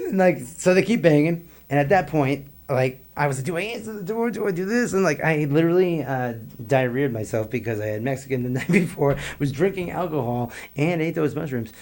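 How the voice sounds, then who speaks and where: A man's voice: a little high, normal speed, a little mellow. A middle-aged man, a guest on a podcast, telling a long story in a rambling, profane way and laughing between lines. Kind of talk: casual storytelling.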